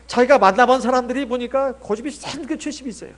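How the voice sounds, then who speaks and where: A man's voice: very high voice, fast talker, fairly bright tone. A middle-aged man from Jeolla preaching a sermon as pastor, chatty and full of rhetorical questions. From Jeolla, South Korea.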